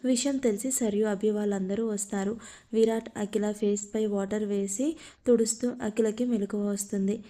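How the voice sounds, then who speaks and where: A woman narrating a love story, reading in a steady, flat way. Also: medium pitch, moderate pace.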